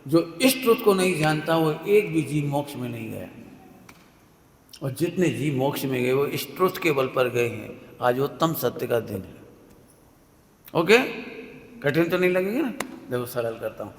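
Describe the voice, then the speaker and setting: A man's voice: mid-range voice, expressive, normal speed, long pauses. A middle-aged man giving a sermon as a preacher, playful and often asking the audience questions. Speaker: Jain preacher. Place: large hall with live audience. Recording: echoey hall reverb, faint noise.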